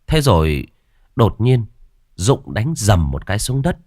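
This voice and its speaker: A man narrating a ghost story in a dramatic, expressive way, voicing every character himself. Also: on the low side, a little slow, no echo. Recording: dry voice over faint music. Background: faint background music.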